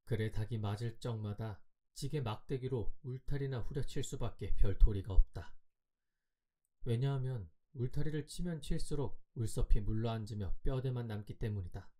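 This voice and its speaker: A man narrating a classic story as a calm, measured audiobook reader for sleep. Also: medium pitch.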